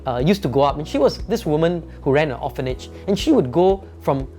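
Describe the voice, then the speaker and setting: A man's voice: on the high side, expressive, brisk, warm tone, faint music behind. A man, a company founder giving an emphatic motivational talk on leadership, often adding "right?" tag questions.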